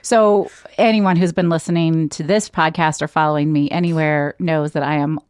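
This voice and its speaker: A middle-aged woman hosts a podcast in a casual, eager way. Her voice sits a little low. The recording is close and dry. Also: steady tone, normal speed, a little mellow, dry recording. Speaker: podcast co-host.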